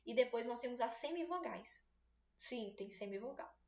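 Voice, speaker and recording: A Brazilian woman teaching Portuguese for exam prep, chatty and encouraging, often checking in with quick tag questions. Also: fairly high pitch, expressive, a little mellow. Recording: roomy, slightly dull sound.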